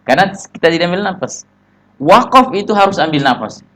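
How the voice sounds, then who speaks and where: A man's voice: high-pitched, very animated, sharp tone. Indonesian man teaching Quran recitation. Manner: explains in short phrases, breaks into slow chanted recitation. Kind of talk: religious tajwid lesson with recited examples.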